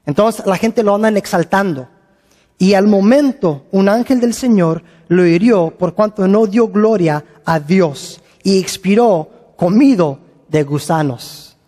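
A man preaching a sermon and reading from the Bible, animated and acting out the people he quotes. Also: high-pitched, in a large hall.

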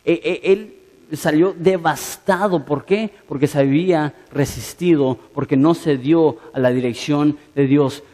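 A man's voice: on the high side, unhurried, dark tone. A man preaching a sermon in an earnest way, asking his listeners direct questions. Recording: long hall reverb.

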